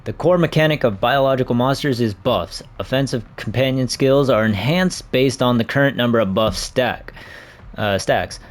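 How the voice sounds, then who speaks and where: A man's voice: mid-range voice, normal speed. A man playing through a game, reading the story text aloud and commenting, with small slips and restarts. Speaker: game player narrating.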